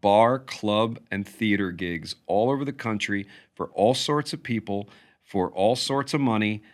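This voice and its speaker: A middle-aged man, a musician guest, telling stories in a casual interview with lively restarts. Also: on the low side, measured pace. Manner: animated storytelling with restarts.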